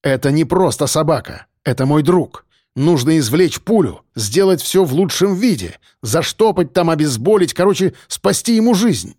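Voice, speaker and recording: A man's voice: fairly high pitch, very animated, moderate pace, few pauses, darkish tone, no echo, studio quality. A man voicing a stubborn male police detective who talks bluntly and presses hard. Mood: firm.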